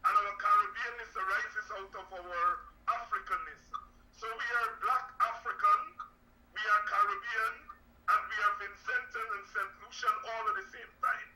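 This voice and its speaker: A Guyanese man on a discussion panel, making a measured, argumentative case. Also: sits high, steady tone. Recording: roomy, distant mic with faint noise.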